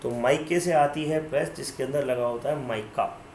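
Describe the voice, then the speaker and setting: A man's voice: medium pitch, moderate pace, a little mellow, roomy sound, a little hiss or hum. A male teacher giving an online class, teasing students by name and mixing English terms into his talk. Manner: mixes Hindi and English terms.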